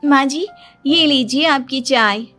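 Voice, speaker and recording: A self-pitying young wife from a cartoon story complains in a whiny, dramatic way, voiced by a woman. Her voice is high, and soft music plays behind her. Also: takes it slowly, exaggerated voice. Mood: complaining.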